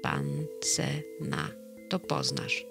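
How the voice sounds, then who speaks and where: A reader voicing a chatty talking pillow in a children's bedtime story, speaking low, slow and drawn-out. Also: very animated, creaky, music in the background, full character voice. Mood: mysterious.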